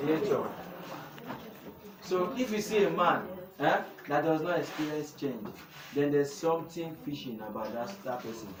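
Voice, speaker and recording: A young man with a Nigerian English accent, teaching a youth class and often asking the room to finish his sentences. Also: fairly high pitch. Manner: call-and-response questioning. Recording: echoey room from far off, noisy.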